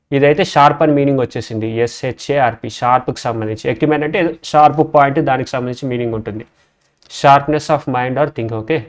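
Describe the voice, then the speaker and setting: A man teaching English vocabulary in a casual lesson, spelling words out letter by letter and saying "okay" again and again. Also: medium pitch. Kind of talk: casual lesson explaining word roots.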